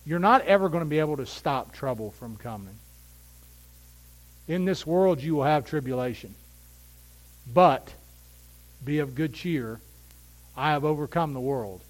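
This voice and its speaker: A man preaching a sermon, swinging from loud, impassioned calls to quiet, intimate asides. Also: fairly high pitch, expressive, a little slow, long pauses, poor audio. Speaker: pastor.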